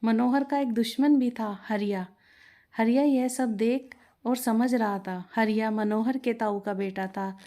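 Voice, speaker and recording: A woman's voice: a little high, darkish tone. A woman reading a moral storybook tale aloud as narrator, voicing each character in the dialogue herself.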